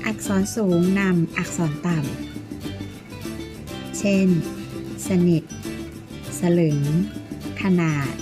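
A woman with a lowish voice teaches young children to read, slowly coaxing them with questions. She speaks at an unhurried pace. Music plays under her voice. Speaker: primary school teacher. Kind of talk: children's reading lesson.

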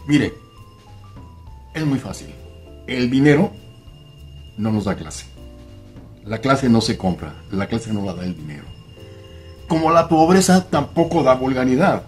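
A man's voice: mid-range voice, a little mellow. An older man hosting a style channel, speaking to camera in a formal, emphatic manner, repeating points and addressing the viewer politely. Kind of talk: talking to camera, advice monologue. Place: home room by a window.

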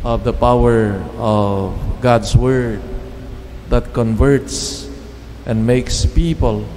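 A middle-aged man preaching a homily at Mass, speaking in measured, halting phrases with pauses, into a lectern microphone. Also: mid-range voice, steady tone, a little mellow, slight background noise. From Philippines. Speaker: priest. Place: church chapel. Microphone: standing mic at lectern. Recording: long church reverb, faint ambience.

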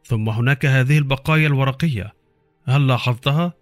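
A man's voice: mid-range voice, brisk, dry recording, faint music behind, close to an everyday voice. Man reading as sceptical veteran forensic doctor. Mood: questioning, sceptical. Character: experienced older male forensic doctor, sceptical, impatient. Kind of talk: audiobook character acting.

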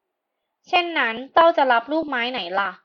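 A quick-witted, sharp-tongued woman doctor, as a woman reading the story puts her on, with a slightly high voice. Her slow replies come through a dull, lo-fi recording. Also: natural voice. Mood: retorting.

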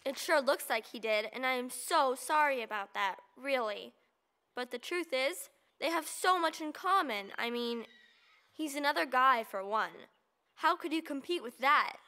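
A woman's voice: high-pitched, expressive, moderate pace, pushed and bright, clean tone, exaggerated voice. A woman voicing a snooty, scheming teenage mean girl in a cartoon, smug and mock-sweet as she taunts. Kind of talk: animated series voice acting.

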